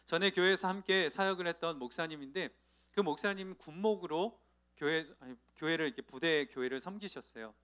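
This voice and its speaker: A male pastor preaching to a youth congregation in church, telling stories with lively acted-out voices and asking his listeners questions. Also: on the high side, fairly quick, smooth. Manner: lively storytelling, acting out the people in his anecdotes; asks the audience questions directly. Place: church sanctuary.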